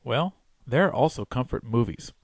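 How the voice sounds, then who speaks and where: A man's voice: mid-range voice, animated, moderate pace, creaky, slightly rough, no echo, clean studio sound. A man narrating a scripted film review as the reviewer, in a wry, opinionated way.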